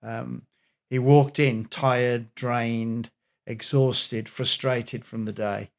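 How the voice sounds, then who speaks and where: A middle-aged man, a health expert guest on a podcast, telling an animated anecdote. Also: mid-range voice, drawn-out words, vocal fry. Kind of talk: storytelling in a podcast interview.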